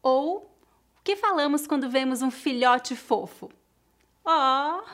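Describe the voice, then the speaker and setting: A woman's voice: sits high, animated, normal speed. A woman from Brazil with a Brazilian Portuguese accent, teaching a language lesson and spelling out each word with care. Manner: carefully enunciated, repeats example words for drilling. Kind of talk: slow, clear language lesson.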